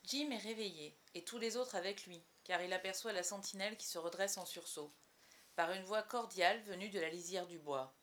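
A woman narrating an adventure novel aloud in a steady, clear storytelling voice. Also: mid-range voice, fairly quick.

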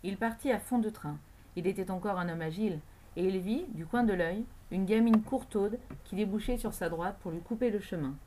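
A woman reading a novel aloud as audiobook narrator, in a steady literary manner. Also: mid-range voice, brisk, a little hiss or hum. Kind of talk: scripted narration.

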